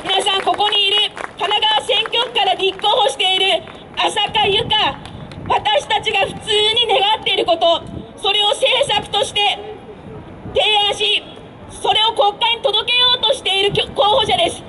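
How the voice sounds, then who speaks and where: Very high-pitched woman campaigning on a noisy street. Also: fairly even intonation, normal speed, bright, forceful tone. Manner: earnest, appealing to listeners with rhetorical questions. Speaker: campaign speaker introducing a candidate. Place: outdoor urban street rally stage. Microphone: handheld mic over PA, filmed from a distance. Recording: noisy busy street with crowd.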